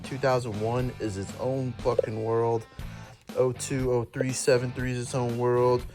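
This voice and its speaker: A man's voice: mid-range voice, little pitch movement, a little slow, warm tone. A man giving a casual, slangy how-to walkthrough while working on a truck, talking to his viewers like buddies. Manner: laid-back and slangy, calls viewers "boys". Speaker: DIY truck repair vlogger. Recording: clear guitar music under voice.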